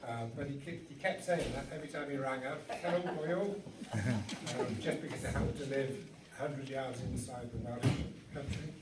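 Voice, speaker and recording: A man's voice: mid-range voice, moderate pace. A man speaking as a friend at a memorial, reminiscing in a chatty, wry way with restarts. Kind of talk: informal spoken reminiscence. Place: large hall at a memorial gathering. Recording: echoey hall, far from mic, loud noise.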